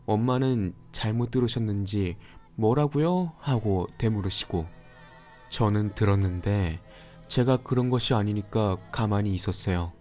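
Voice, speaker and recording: A man calmly narrating a scary story for a horror radio show. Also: on the low side, moderate pace, soft background music. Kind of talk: scripted horror story reading.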